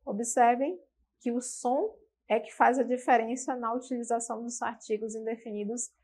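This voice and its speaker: A woman with a Brazilian Portuguese accent giving a televised English lesson, slowly repeating example words and checking in with her students. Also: on the high side, steady tone, a little mellow, breathy edge. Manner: slow, patient, repeats example words aloud; checks in with tag questions. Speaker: English teacher.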